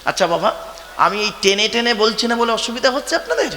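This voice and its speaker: A man's voice: very high voice, lively intonation, a little fast, pushed and bright. A man preaching a sermon at a religious gathering, talking conversationally and quizzing the crowd directly. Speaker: Islamic preacher. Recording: long reverb of a large venue.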